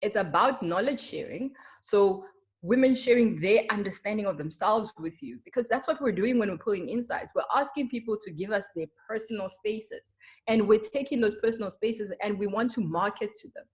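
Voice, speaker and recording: A young woman with a South African accent gives a webinar presentation as a marketer. She speaks earnestly and with emphasis, often filling pauses with ums, at a mid pitch typical for a woman. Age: young adult.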